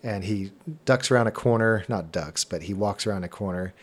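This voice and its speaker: A man's voice: fairly low pitch, a little fast. A man running a tabletop game as game master, narrating scenes in an easygoing, descriptive way and laughing often.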